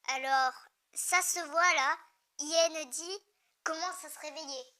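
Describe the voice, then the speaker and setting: A young woman excitedly reacting to a comic chapter, reading panels aloud, swearing and laughing often. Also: high voice, takes it slowly. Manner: excitable, swears freely, bursts into frequent laughter; reads the characters' lines in her own plain voice. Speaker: manga reader reacting to a new chapter.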